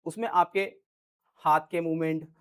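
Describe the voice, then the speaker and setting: A male teacher explains grammar in a relaxed, conversational lesson, talking as if straight to his students. He repeats little check-ins as he goes and performs his example sentences in shifting tones to show how delivery changes meaning. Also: on the high side, a little slow, smooth. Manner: chatty, repeats "ठीक है", acts out example lines in different tones. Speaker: English teacher. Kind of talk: casual Hindi grammar lesson.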